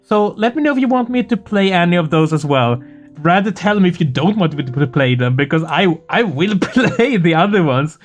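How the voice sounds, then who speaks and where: Faint music plays behind a gaming video host who chats casually and effusively after finishing a game playthrough. His medium-pitched voice is expressive and moves at a moderate pace, and he's earnest and quick to swear in his excitement.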